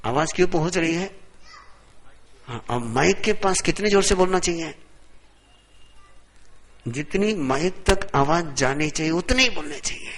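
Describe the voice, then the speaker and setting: A man giving a sermon as a monk, speaking softly into a close microphone in a lecture hall and putting rhetorical questions to the audience. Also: a little high, expressive, normal speed. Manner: soft-spoken, asks the audience rhetorical questions. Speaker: Jain monk giving a discourse.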